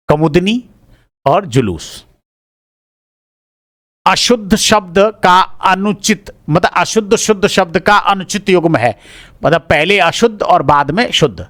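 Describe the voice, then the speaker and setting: Male teacher, higher-pitched voice, casual answer-key walkthrough, repeats words as he checks them, dry close sound. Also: expressive, slow, long pauses, fairly bright tone, dry recording. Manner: repeats each word aloud while checking it; informal, addresses listeners as brother.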